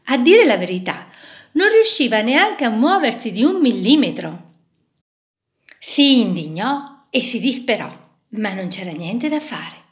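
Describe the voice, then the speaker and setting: A woman reads a children's tale aloud with expressive, animated delivery. Her voice is fairly high and swoops widely, taking each phrase slowly. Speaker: storyteller. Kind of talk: reading a children's story aloud.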